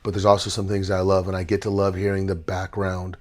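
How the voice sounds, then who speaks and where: Male podcast host, lowish voice, chatty and playful, casual interview delivery. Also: completely flat delivery, fairly quick, a little mellow.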